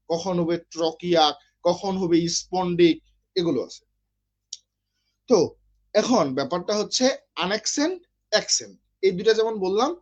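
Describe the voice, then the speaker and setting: A man's voice: high voice, dull audio. A man from Bangladesh teaching an online literature class, explaining step by step and often checking with his students.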